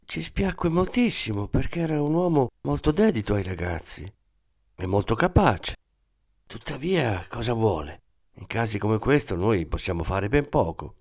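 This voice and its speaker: A man reading an audiobook, voicing a nervous middle-aged priest who runs a school and pleads defensively in a lifted, softer voice. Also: mid-range voice, very animated, normal speed, no echo, clean studio sound. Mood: evasive.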